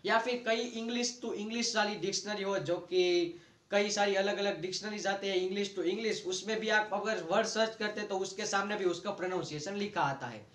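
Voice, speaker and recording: Indian guy teaching pronunciation, high voice, says words over slowly, roomy echo. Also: a bit bright. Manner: patient, repeats words slowly to model sounds. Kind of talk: online lesson explaining dictionary pronunciation.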